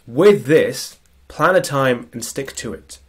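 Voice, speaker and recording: This man speaks slowly yet animatedly in a slightly rough mid-range voice, sniffly with a cold. As a productivity coach, he gives an informal screen-share lecture, regularly checking in with "right?"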